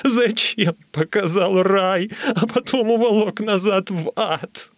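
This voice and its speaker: A frantic, book-obsessed young writer, put on by a male narrator, wailing in a high, strained voice. He begs and protests loudly and shrilly. The sound is dry and close. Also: big pitch swings, moderate pace, no room sound. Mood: pleading.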